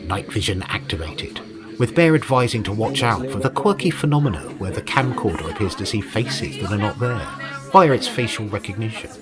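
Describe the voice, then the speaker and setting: A man's voice: fairly low pitch, expressive, a little fast, over music. A man giving scripted narration as a host, in a descriptive storytelling way. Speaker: narrator and ghost-hunt host.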